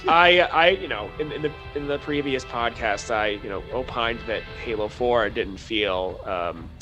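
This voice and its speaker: A man co-hosting a podcast, talking at a middling pitch in a blunt, wry way, full of "you know" and "um". Faint music sits under his voice. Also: unhurried, dull audio. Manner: blunt, wry, many fillers. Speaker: podcast co-host. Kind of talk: casual chat.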